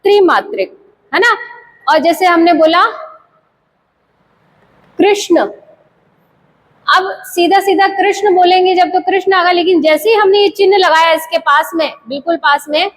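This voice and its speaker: A woman teaching Sanskrit grammar in a classroom lecture. She asks questions and answers them herself, slowly repeating the key terms. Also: very high-pitched, poor audio.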